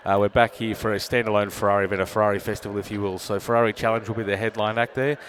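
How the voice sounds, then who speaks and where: Man, co-commentator, low voice, informative, faint background noise. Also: level tone, racing, fairly bright tone. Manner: promotional, informative with fillers. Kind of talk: broadcast commentary.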